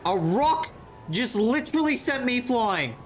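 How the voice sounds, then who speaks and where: Lively, excitable male streamer. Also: extremely high pitch, unhurried, slight background noise. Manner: excitable, jokey, breaks into laughter. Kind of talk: casual gaming commentary.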